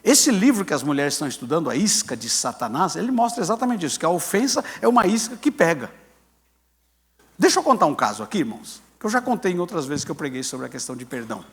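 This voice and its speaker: A man's voice: fairly high pitch, quick pace. A man in his sixties, a pastor telling a story in a sermon, acting out the voices of the people in it. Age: 60s. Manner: animated storyteller, acts out quoted voices.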